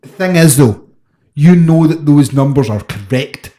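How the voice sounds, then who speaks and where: A man's voice: on the high side, expressive, unhurried, mellow. A man co-hosting a casual podcast chat, bantering and throwing in wisecracks. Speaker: podcast co-host. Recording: echoey room.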